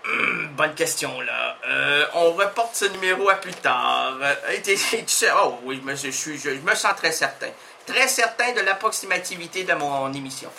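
A man's voice: a little high, lively intonation, moderate pace, gravelly, sharp tone, slight background noise. A man hosting a comedy radio show, rambling playfully with wordplay. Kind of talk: absurd comic radio banter.

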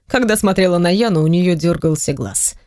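An audiobook reader narrating a first-person story in an even, storytelling manner. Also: medium pitch, brisk, no echo, clean studio sound.

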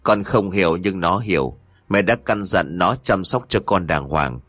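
A man voicing a stern older matriarch who gives harsh orders slowly and coldly. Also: low voice, a bit bright, no echo, clean studio sound. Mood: cold commanding. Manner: slow, imperious.

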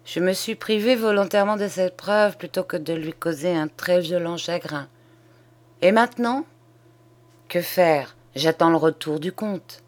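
A woman reading a troubled, earnest young male lawyer in an audiobook, in her own low voice. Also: unhurried, close to an everyday voice.

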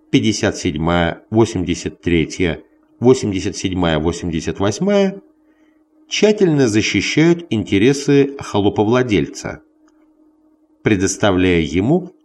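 A man reading a scholarly history text aloud in measured separate phrases, as if dictating it. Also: lowish voice, darkish tone. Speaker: audiobook reader.

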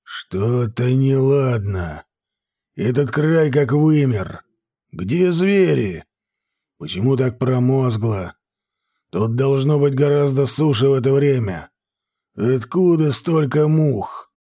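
A man's voice: mid-range voice, lively intonation, mellow. A man voicing a cold, drawling warrior. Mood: stern. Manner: slow, drawling, menacing. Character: stern male warrior overseer, cold, commanding.

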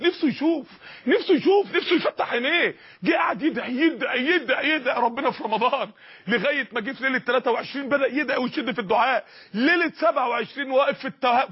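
A man's voice: very high voice, husky, highs cut off. A man with an Egyptian accent preaching a sermon, telling stories with passion and many repetitions. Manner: impassioned, rapid storytelling with repetitions.

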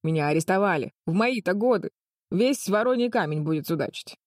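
A woman's voice: fairly low pitch, lively intonation, brisk, a little mellow, no room sound, clean studio sound, close to an everyday voice. Woman doing a stern fiery old grandmother. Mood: indignant. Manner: snapping, indignant.

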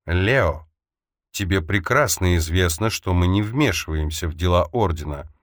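A man's voice: sits low, lively intonation, measured pace, no echo, studio quality. A man reading the lines of a composed, guarded middle-aged woman who keeps her feelings hidden. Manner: composed, impassive.

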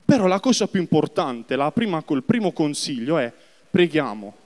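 A man preaches a sermon with a lively, rising and falling delivery and a fairly high voice. He turns to the congregation, asking questions and urging them to respond. His voice rings with the long reverb of a church hall. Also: moderate pace. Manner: lively, addresses the congregation directly.

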